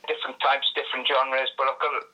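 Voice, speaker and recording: A man's voice: mid-range voice, flat delivery, fast talker. An older man from Northumberland with a Northumberland accent, answering interview questions as a radio guest over the telephone. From Northumberland, England. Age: 60s or older. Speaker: radio phone-in guest, songwriter. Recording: tinny, band-limited phone line.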